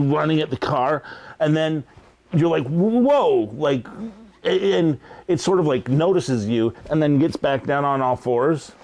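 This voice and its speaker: An actor playing a rambling, hesitant male huckster who sells ghost-hunting gadgets, speaking in a deadpan mockumentary interview. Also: mid-range voice, lightly acted. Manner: rambling, hesitant, full of uh's. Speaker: paranormal gadget seller being interviewed.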